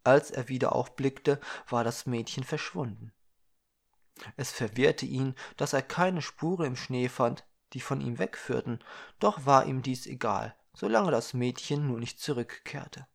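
A man calmly narrating a fairy tale in an even storytelling manner. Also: medium pitch, unhurried, vocal fry.

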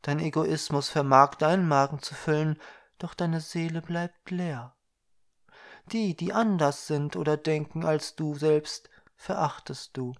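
A man's voice: fairly high pitch, measured pace. A man voicing a radiant forest spirit woman who solemnly admonishes the listener.

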